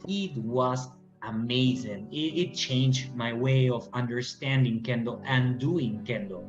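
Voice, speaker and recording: A Peruvian man in his thirties speaks English with a Spanish accent, earnest and unhurried, restarting phrases as he searches for the right word. His voice sits at an ordinary pitch. The recording is roomy and a little dull, like lo-fi audio from a bare room. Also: faint music behind. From Peru. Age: 30s. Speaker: guest. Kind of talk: casual interview talk.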